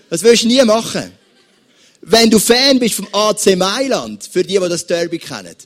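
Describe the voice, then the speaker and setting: In a high-pitched voice, a Swiss German-accented man preaches as pastor, using lively examples as he addresses his listeners.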